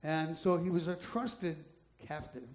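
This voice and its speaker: High-voiced man preaching a halting sermon. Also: fairly even intonation. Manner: halting, many restarts and fillers, rising into emphatic repetition. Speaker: pastor.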